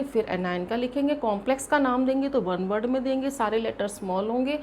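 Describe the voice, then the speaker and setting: A woman's voice: fairly high pitch, a little hiss or hum. A woman chemistry teacher giving a classroom lecture step by step, asking questions and answering them herself. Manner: explains step by step with lively emphasis.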